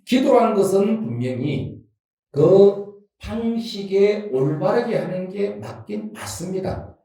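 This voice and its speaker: A man with a Gyeongsang accent giving a folksy, lively Buddhist sermon, asking the audience questions and acting out everyday quarrels. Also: high voice, takes it slowly. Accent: Gyeongsang Korean. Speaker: Buddhist monk giving a dharma talk. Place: temple dharma hall. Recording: distant mic in a roomy temple hall.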